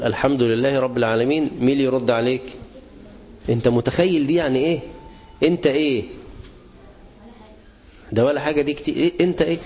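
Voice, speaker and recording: On a dull, lo-fi recording, a medium-pitched man with a somewhat dark tone and an Egyptian accent leads a religious class. He keeps asking his students questions, only to supply the answers himself.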